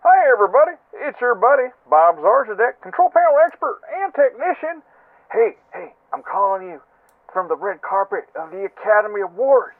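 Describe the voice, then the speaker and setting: Comic bit: man voicing a hapless, chummy caller, very high gravelly voice, heard through a tinny phone line. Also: big pitch swings, moderate pace, dry recording. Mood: rambling. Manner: rambling, chummy, self-important. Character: goofy oversharing male caller, cheerful and hapless. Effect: heard over a phone line as a voicemail message.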